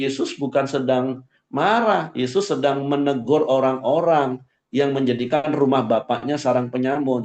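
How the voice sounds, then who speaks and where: A pastor giving conversational Bible teaching at an online morning devotion, jumping up for emphasis and dropping low to close each point. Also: male voice, a little mellow, roomy sound. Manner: conversational, rises sharply for emphasis, ends points with a low aside.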